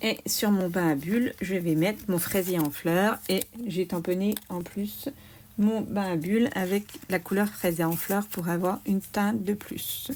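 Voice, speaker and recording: Woman, craft tutorial host, unhurried step-by-step delivery, faint background noise. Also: mid-range voice, steady tone, a little mellow. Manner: slow, explaining each step aloud, small "hop" asides. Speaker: craft demonstrator.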